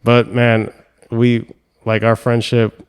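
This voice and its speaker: A young man from Hawaii hosting a podcast, telling animated stories and acting out voices and sounds. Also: mid-range voice, slow pace, smooth. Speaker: podcast host. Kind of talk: casual storytelling chat.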